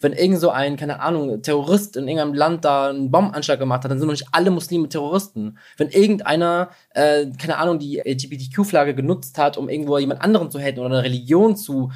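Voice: medium pitch, quick pace, hardly any pauses, a little mellow. A guest in a casual chat, speaking emphatically and with passion. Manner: emphatic, impassioned.

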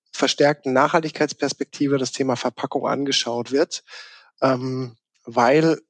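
A man's voice: medium pitch, no room sound. A man from southern Baden, a podcast guest explaining his work in a conversational way. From southern Baden, Germany. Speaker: podcast guest, sustainability manager.

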